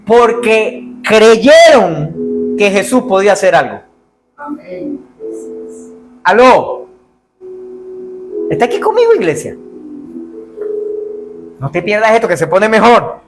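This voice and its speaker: A man preaching a lively sermon, calling out to the congregation and acting out the cries of the blind men. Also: sits high, slow, long pauses, over music, low-quality recording. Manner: animated, calls out to congregation, acts out biblical cries. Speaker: pastor.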